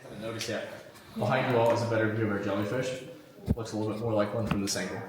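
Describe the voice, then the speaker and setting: A man's voice: fairly low pitch, fairly even intonation, racing, background noise. A man working as a cave tour guide, talking informally to a group with dry jokes. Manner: dryly joking. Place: inside a show cave. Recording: very echoey cave with crowd chatter. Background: tour group voices.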